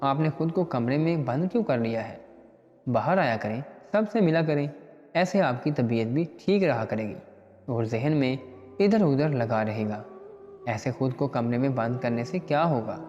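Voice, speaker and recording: Man doing a gentle, concerned young brother-in-law. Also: mid-range voice, lively intonation, normal speed, lightly acted. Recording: dull lo-fi recording with long reverb and faint music.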